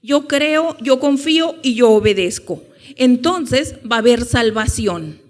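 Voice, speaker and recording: Woman preacher teaching bible stuff, casual and chatty, lots of rhetorical questions, slows down to stress the big points. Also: fairly high pitch, lively intonation. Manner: informal, with rhetorical questions and many "eh" and "ok".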